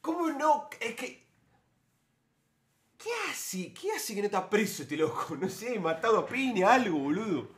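A man with an Argentine Spanish accent who reacts to a video on a live stream. His voice is high and very animated, full of indignant exclamations. He talks in a loose, slangy, colloquial way. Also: measured pace. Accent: Argentine (Rioplatense) Spanish.

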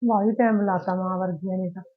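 Over tinny, phone-like audio, a woman speaks fast in a mid-range, natural voice with a steady tone. Acting in a village short film with a Punjabi accent, she plays a married daughter at her parents' house, emotional, hurt and full of complaints.

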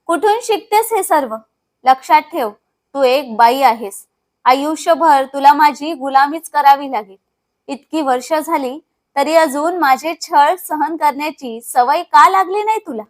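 A woman's voice: high-pitched, unhurried. A woman reading aloud voices an older father-in-law, a domineering household tyrant who barks his words with scorn. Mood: scornful. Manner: barking, scornful.

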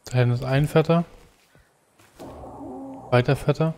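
A man's voice: medium pitch, steady tone, measured pace, a little mellow. A man chatting casually with a co-player while playing a video game. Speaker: let's play gamer. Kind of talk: casual gaming chat with a co-player.

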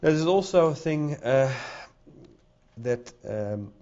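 Unlike a monotone, this middle-aged Dutch-accented speaker has a mid-range, warm voice with lively intonation, though his pace is slow. Giving a conference talk at a podium before an audience, he hesitates with many fillers and repeated words. The podium microphone produces dull lo-fi audio.

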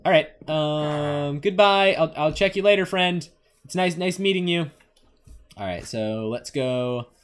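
Hosting a gaming playthrough, a man delivers casual, rambling commentary that's jokey and excitable. His voice sits on the high side and he takes his time.

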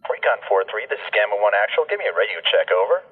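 A gruff military commander heard over a walkie-talkie in a video game, snapping terse radio protocol. His husky voice swings up and down as he hurries his orders. The sound is thin and tinny, as if it comes from a far-off radio set. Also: on the low side, sing-song, quick pace. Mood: stern. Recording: narrow tinny radio line from a distance.

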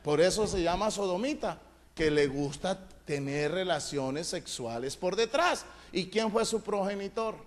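A male pastor preaching a fiery sermon, emphatic, calling on the congregation to answer back and rising to loud shouted peaks. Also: high-pitched, lively intonation, unhurried. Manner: emphatic, calls for congregation responses.

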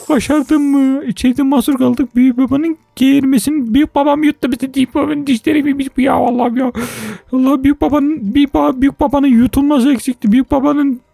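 A woman hosting a gaming video, giving excitable let's-play commentary, exclaiming often and talking straight to her viewers. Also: high-pitched, creaky, a little hiss or hum.

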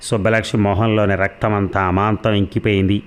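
A man narrating a serialized audio story in a steady, even manner. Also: fairly low pitch, brisk, clear, resonant tone.

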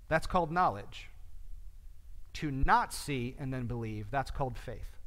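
A man teaching a midweek Bible study in a church, talking conversationally with frequent fillers, with a long reverb. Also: medium pitch.

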